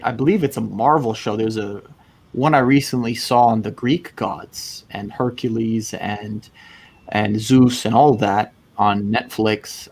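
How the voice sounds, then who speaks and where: A man hosting a casual conversation, relaxed, asking open questions. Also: on the low side. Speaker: host.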